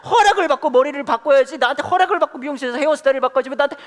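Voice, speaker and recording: A man playing a fuming balding husband who rants in a pitched-up, indignant voice, his words ringing with long hall reverb as a preacher acts him out in a sermon. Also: rapid-fire, fairly bright tone. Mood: angry ranting. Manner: indignant ranting. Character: angry balding middle-aged husband scolding his wife.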